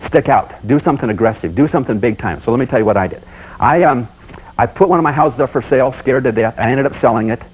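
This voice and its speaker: A man's voice: medium pitch, fast talker, husky, low-quality recording. A man telling folksy stories as a motivational seminar speaker, with punchy repetition.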